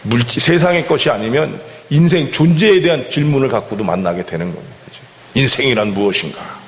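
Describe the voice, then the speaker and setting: A man's voice: mid-range voice, expressive, fairly quick. Man preaching in a reverberant church. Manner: conversational, keeps asking the congregation questions. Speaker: senior pastor. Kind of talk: sermon. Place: church sanctuary. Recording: long church hall reverb.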